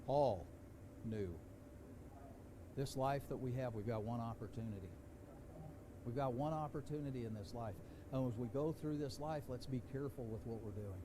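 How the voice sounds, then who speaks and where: Folksy preacher with rising questions. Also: male voice, mid-range voice, moderate pace, noisy background. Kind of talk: sermon. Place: church sanctuary.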